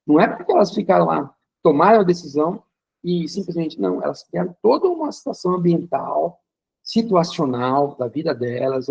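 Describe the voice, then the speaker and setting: Gravelly-voiced man teaching a class. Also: fairly high pitch, a little mellow, rough recording. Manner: conversational, uses vivid hypothetical examples; frequent checking fillers. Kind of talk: recorded lecture.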